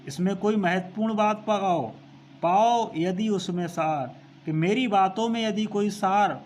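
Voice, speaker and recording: A male teacher who recites lines of a poem slowly and then explains them, repeating phrases as he goes. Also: fairly high pitch, slight background noise.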